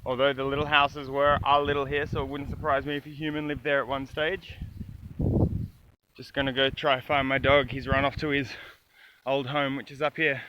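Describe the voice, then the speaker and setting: A vlogger talks casually to camera in a rural garden outdoors, chatty and occasionally swearing, while dogs bark around him. His mid-range voice is flat and moderately paced, and the audio is dull with a noisy background.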